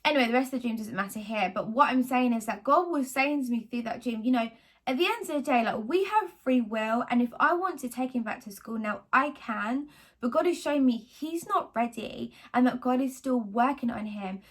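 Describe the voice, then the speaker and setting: A woman in her thirties speaks with a slightly high voice, chatting to camera about faith. She rambles and circles back, fills gaps with little "da, da, da" sounds, and stays animated throughout. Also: a little fast. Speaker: vlogger sharing faith testimony. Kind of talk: casual talk to camera.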